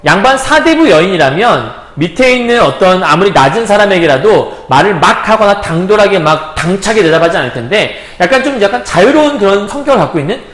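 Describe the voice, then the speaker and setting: Male teacher, bright high voice with wide swings, in an echoey room. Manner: acts out characters' lines in a lively voice; explains in plain casual terms, chuckles often. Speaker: Korean literature teacher. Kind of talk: recorded lecture on a classic novel. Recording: roomy echo.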